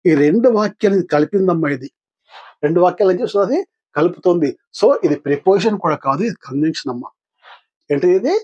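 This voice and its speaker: A man's voice: high-pitched, quick pace, darkish tone, slightly rough, dull audio. An older man with a Telugu accent teaching English grammar for exam practice, patiently asking questions and answering them himself. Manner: patient, asks and answers his own questions.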